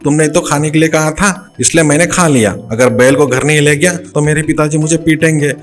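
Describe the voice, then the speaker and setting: A man's voice: on the high side, steady tone, normal speed, a little mellow, voice pushed up, close to an everyday voice. A man voicing a naive, timid young man in a cartoon story. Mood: frightened. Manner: naive, frightened. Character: simple, timid chubby young man, scared.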